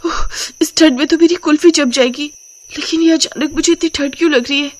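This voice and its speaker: A woman voicing a young bride in a cartoon, exasperated and muttering sharp asides about her in-laws. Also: medium pitch, normal speed, lightly acted. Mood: alarmed. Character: young bride Anjali, sharp-tongued and grumbling.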